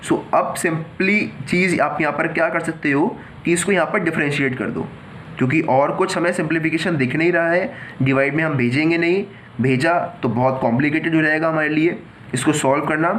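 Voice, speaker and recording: A male math teacher walks students through a problem slowly and deliberately, speaking a touch higher than most men. He talks to them as children, asks a question and answers it himself. There is a faint hiss behind him. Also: a bit bright. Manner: explains step by step, mixing Hindi and English. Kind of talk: whiteboard math lesson.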